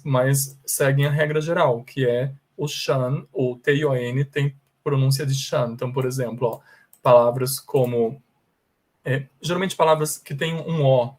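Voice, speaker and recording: Husky Brazilian man teaching pronunciation. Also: mid-range voice, darkish tone. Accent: Brazilian Portuguese. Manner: explains slowly, repeats English words carefully. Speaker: English teacher. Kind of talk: pronunciation lesson.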